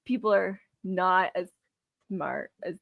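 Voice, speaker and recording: A woman co-hosting a casual podcast, giggly and informal, with vocal fry and frequent use of "like". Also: lowish voice, takes it slowly, no room sound, narrow, tinny audio. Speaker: podcast co-host.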